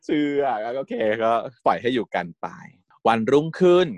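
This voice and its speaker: A man's voice: medium pitch, very animated, moderate pace, a little mellow, no room sound. A man casually retelling a TV series episode, chatty and giggly, slipping into the characters' lines as he goes. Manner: chatty, giggles often, acts out quotes. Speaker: series recap host. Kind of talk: casual storytelling recap.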